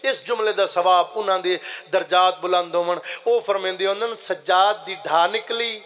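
A man delivers an impassioned mourning sermon. His voice sits high and bright, and he addresses the listeners directly between sung lament passages. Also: moderate pace. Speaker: zakir reciting a majlis. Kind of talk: Muharram majlis recitation with sung lament.

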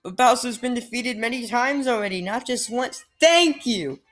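This woman's voice sits fairly high, and she keeps a moderate pace while soft music plays underneath. As a gameplay commentator, she offers casual, sarcastic let's play remarks and voices the game's dialogue aloud.

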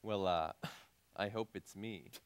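A man's voice: low voice, slow pace, clean tone. An actor playing a boastful, vain man who calls himself a classy stud, in a stage musical. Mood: smug. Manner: boastful, chuckling.

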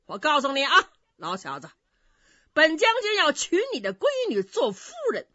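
A woman voicing an arrogant, boorish male general who shouts and brags, in a dry, slightly dull recording. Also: high-pitched, huge pitch swings, moderate pace, dry recording, exaggerated voice. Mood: bullying. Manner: bullying, shouting, boastful.

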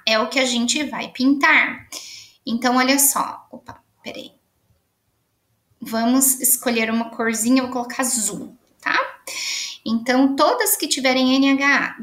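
A woman's voice: sits high, a bit bright, echoey room. A Brazilian woman teaching young children in an online literacy lesson, patiently stretching out words as she marks them. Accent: Brazilian Portuguese.

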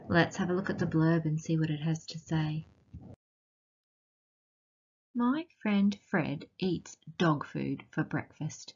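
An Australian woman reads a picture book to young children at an unhurried pace, pausing to ask them questions. Her voice sits a little low and has a soft, breathy huskiness. The recording sounds somewhat dull and lo-fi. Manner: gentle teacherly questions to young listeners. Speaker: children's storytime reader.

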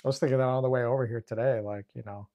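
A man's voice: mid-range voice, fairly even intonation, racing, narrow, tinny audio. Male therapist explaining in plain talk. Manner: explanatory, mixes clinical terms with casual swearing. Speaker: therapist, podcast co-host. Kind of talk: casual chat.

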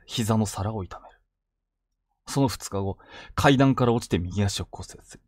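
Hushed man telling ghost stories. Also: mid-range voice, dry recording, studio quality. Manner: hushed, suspenseful storytelling with sudden vivid quotes. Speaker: ghost story narrator. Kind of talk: retelling collected true ghost stories.

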